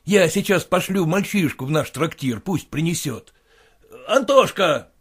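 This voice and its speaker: Brief: an agitated merchant, middle-aged, raised and lively in pitch, put on by a male reader. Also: measured pace, husky. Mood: fretful. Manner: agitated, indignant outbursts.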